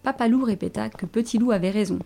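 A woman reading a children's story aloud in a gentle, expressive way. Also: medium pitch, quick pace, gravelly, a little hiss or hum. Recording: soft music underneath.

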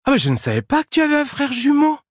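A man's voice: medium pitch, expressive, moderate pace, slightly rough, no room sound, studio quality, voice pushed up. A man voicing a fussy badger who grumbles and whines in a storybook reading. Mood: surprised. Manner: whiny, grumbling.

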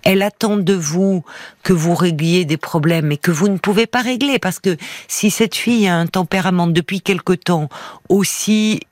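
Calm, firm radio advice host woman. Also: on the low side, normal speed, dry recording. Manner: calm, firm counselling with many hesitations.

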